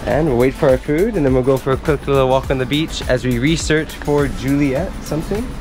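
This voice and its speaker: A man's voice: medium pitch, a little fast, music in the background. A man in his thirties, chatty and upbeat, narrating a travel vlog outdoors with a handheld camera at arm's length. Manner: upbeat, chatty, laughs often. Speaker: travel vlogger. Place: outdoors at a beach cafe and beach.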